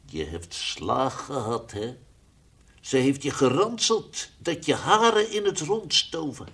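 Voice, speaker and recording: A man voicing a playful, fussy toy lion in an old radio play, teasing at times and gently coaxing at others. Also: mid-range voice, lively intonation, slow, slightly rough, full character voice. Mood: gentle. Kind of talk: 1960s radio drama acting.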